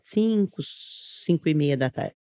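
A middle-aged woman from Brazil tells a personal testimony in a casual podcast chat. She speaks earnestly and narrates step by step, slipping into the words of the people in her story. Her voice sits a little low and sounds soft and mellow. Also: lively intonation, slow pace. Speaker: guest giving a testimony.

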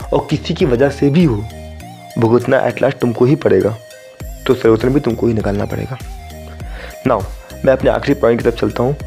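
Young guy from india doing a solo podcast, warm mellow voice, soft music behind. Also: mid-range voice. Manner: conversational, addresses listeners directly, mixes in English phrases. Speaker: podcast host. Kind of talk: casual solo podcast monologue.

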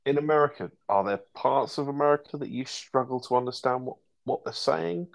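An English man co-hosting a podcast in casual chat, asking questions in a measured way. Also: mid-range voice, vocal fry. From England. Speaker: podcast co-host.

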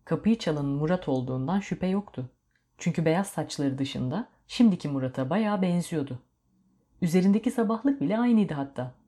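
A woman narrating a story in a steady, measured reading voice. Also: deep voice.

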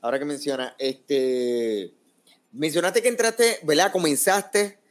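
A man's voice: a little high, unhurried. A man interviewing a guest, asking questions with many fillers and restarts. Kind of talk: casual interview.

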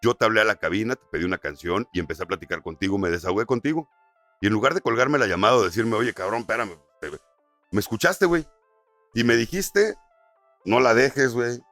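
Man, radio announcer, rapid slangy storytelling, lowish voice, faint music behind. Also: expressive, a bit bright, dry recording. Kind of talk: casual podcast chat.

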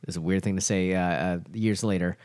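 A man's voice: low-pitched, fairly even intonation, brisk, darkish tone, clear, resonant tone, no echo, studio quality. A man co-hosting a podcast in casual chat, dropping wry, teasing quips. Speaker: podcast co-host.

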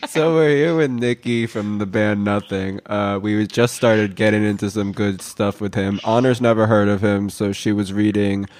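A man with vocal fry, sick and jet lagged, chatting casually in slang as a podcast host. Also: lowish voice, fairly even intonation, moderate pace, hardly any pauses, darkish tone. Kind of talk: casual banter.

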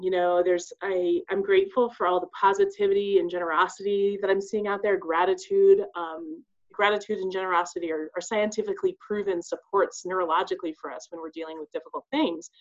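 A woman's voice: fairly low pitch, fairly even intonation, brisk, a little mellow. A woman, a school social worker, speaks as a guest on a podcast interview. She explains things earnestly and steadily, with a few ums along the way. The recording sounds slightly dull. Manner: earnest, explanatory, some fillers.

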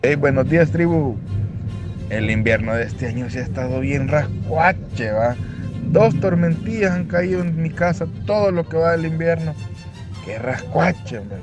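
A man's voice: fairly high pitch, lively intonation, measured pace. A man with a Salvadoran accent leaving a chatty voice message for a radio show. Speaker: listener sending a voice message. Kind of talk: casual voice message. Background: music bed.

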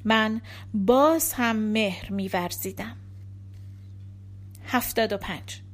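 A woman narrating an audiobook in the first person, reading at a measured, calm pace. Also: mid-range voice.

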